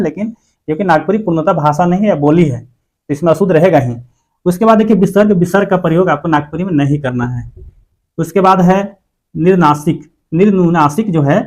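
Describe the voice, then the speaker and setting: A man with a fairly high voice leads an exam-prep language lesson. He explains each point step by step and says the example words slowly so the viewer can follow. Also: darkish tone. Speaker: teacher.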